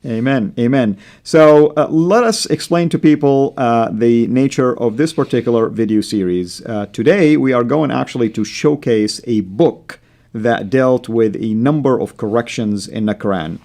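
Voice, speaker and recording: Brief: Saudi-born male host, native Arabic speaker with an American accent, measured delivery full of fillers, mid-pitched, studio discussion. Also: warm tone.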